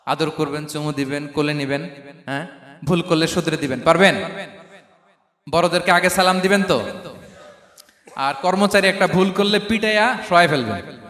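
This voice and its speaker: A man preaching a sermon, passionate, moving from quiet to loud calls. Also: a little high, normal speed, long pauses. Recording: echoey with long reverb.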